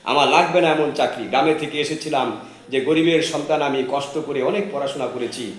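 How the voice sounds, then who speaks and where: A man's voice: medium pitch, fairly quick, close to an everyday voice. A man voicing a poor village-born son who speaks sternly and firmly to his wife. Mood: bitter. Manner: stern, clipped threats, close to the narrator's own voice. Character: poor village-born son, angry, firm, protective of father. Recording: roomy echo, faint background noise.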